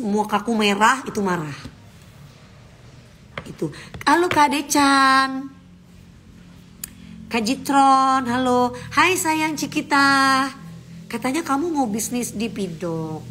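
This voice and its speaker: A woman's voice: a little high, slight background noise. Firm-talking woman on a phone live stream. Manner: firm, emphatic, talks straight to commenters. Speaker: Instagram live host. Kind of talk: casual live-stream chat with viewers.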